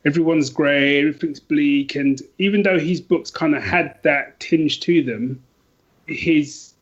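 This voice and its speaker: Slightly high-voiced and measured, a man appears as a guest on a podcast for an easygoing book conversation. His enthusiasm spills into rambling self-corrections, and the lo-fi sound is dull.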